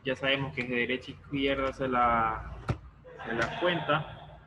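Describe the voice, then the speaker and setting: A man's voice: mid-range voice, fairly even intonation, normal speed, lo-fi sound, noisy background. A male teacher explaining a lesson step by step in an online class, often stopping to check that students follow.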